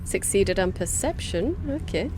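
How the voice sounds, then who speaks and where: A woman's voice: medium pitch, sing-song, a little slow. Female let's play host: reactive, casual commentary, leisurely pace, game score underneath. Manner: reactive, chatty. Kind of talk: casual game commentary, reading dialogue aloud. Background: game music.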